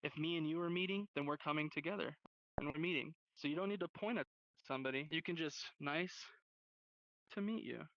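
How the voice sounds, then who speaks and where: A man with a somewhat high voice and vocal fry runs an informal sign language class over online voice chat in a virtual class hub, rambling casually and using slang. He talks a little fast, and the muffled recording has no room sound.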